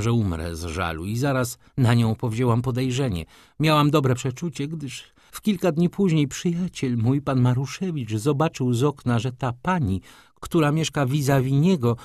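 A man voicing a spiteful, vindictive older baroness who talks in a shrill, accusing, theatrical way. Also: normal speed, darkish tone, no room sound, studio quality, natural voice. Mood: complaining. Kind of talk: audiobook character voice.

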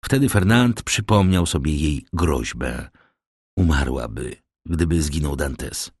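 Low voiced guy reading an old novel aloud, slow and lively, super dry close mic. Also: husky, no room sound. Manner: measured, expressive storytelling. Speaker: audiobook narrator. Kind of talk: classic novel audiobook reading.

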